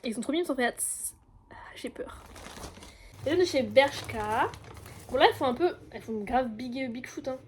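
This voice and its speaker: A woman's voice: high-pitched, lively intonation, fast talker, a little hiss or hum. A young woman with an accent from France chatting casually in a vlog, slangy and self-mocking, dropping in English words. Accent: French from France. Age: young adult. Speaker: vlogger and university student.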